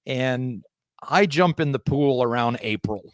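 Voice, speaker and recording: A man's voice: mid-range voice, animated, measured pace, dry recording. A man from Canada, a guest on a casual streamed chat, joking around, laughing and swearing freely.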